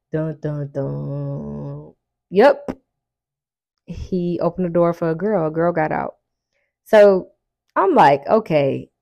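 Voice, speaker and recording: Woman with a lowish voice telling stories casually. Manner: colloquial, animated retelling with acted-out dialogue. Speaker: storyteller addressing her audience. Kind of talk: casual storytime chat.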